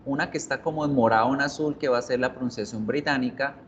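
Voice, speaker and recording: A man's voice: mid-range voice, fast talker, dull audio, a little hiss or hum. A man teaching an online English class, explaining step by step and repeating example words several times.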